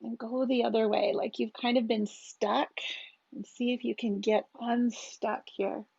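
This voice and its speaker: Slow, calm woman guiding yoga. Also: on the high side, vocal fry, husky, dry recording, highs cut off. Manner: calm, slow, gentle cues with long pauses. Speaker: yoga teacher. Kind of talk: guided yoga and meditation instruction.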